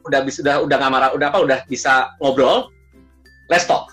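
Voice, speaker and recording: A coach, telling stories in an animated way in casual chat and slipping in English phrases. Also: mid-range voice, racing, soft background music. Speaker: emotional intelligence coach.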